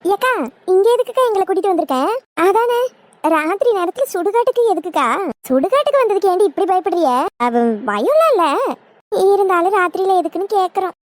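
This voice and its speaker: A very high, squeaky village elder, voiced by a woman, who coaxes her friends along. She talks in a bossy, cajoling cartoon manner. The sound is dry and up close. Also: very animated, brisk, no echo. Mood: daring. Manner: bossy, coaxing. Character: bold older village woman, leader of friends.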